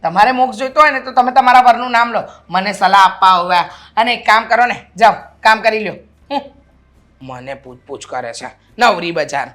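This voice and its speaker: An actress playing a sharp-tongued middle-aged mother-in-law who scolds and mocks. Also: medium pitch, expressive, a little fast, faint music behind, close to an everyday voice. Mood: sarcastic. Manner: sarcastic, scolding.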